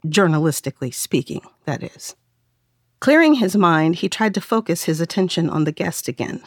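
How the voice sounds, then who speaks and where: A woman reading a novel aloud as narrator, in a wry, measured storytelling manner. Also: on the low side, very animated, no room sound, clean studio sound. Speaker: audiobook narrator. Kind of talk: scripted narration.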